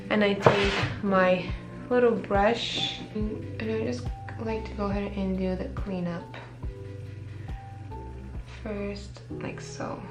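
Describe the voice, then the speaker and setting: A woman talking through a makeup tutorial in a relaxed, chatty way, explaining each step as she goes, her voice a little worn. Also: medium pitch, vocal fry, roomy sound. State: slightly losing her voice. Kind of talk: casual beauty tutorial talk.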